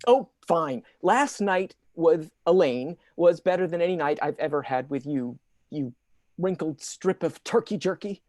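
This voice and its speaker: A woman's voice: on the low side, expressive, measured pace, a little mellow, dry recording, clean studio sound. A woman playing a bumbling, henpecked husband. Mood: exasperated. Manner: exasperated, stammering, overwrought. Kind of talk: improvised comedy scene.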